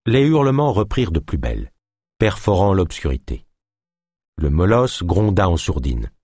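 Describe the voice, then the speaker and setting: A man narrating an audiobook in expressive scripted storytelling. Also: low-pitched, normal speed, husky, dry recording, studio quality.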